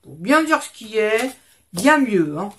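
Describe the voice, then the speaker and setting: A woman's voice: medium pitch, big pitch swings, slow, slight background noise. A woman in her fifties, rambling and chatty, hosting a casual chat at her desk at home while showing crafts. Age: 50s. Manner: rambling, chatty, self-interrupting. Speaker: craft channel host.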